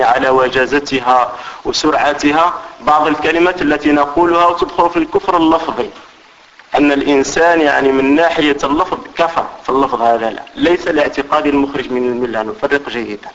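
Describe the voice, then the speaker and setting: A man's voice: mid-range voice, steady tone, fast, fairly bright tone, dull audio. A man with an Algerian Arabic accent giving a religious lesson, explaining carefully, repeating his points and checking that listeners understand. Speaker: religious teacher.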